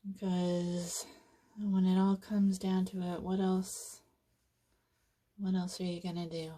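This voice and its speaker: A woman guides a meditation in a relaxed, conversational style, using soothing, casual phrasing and pausing often. Her voice is lowish and mellow, with a flat delivery.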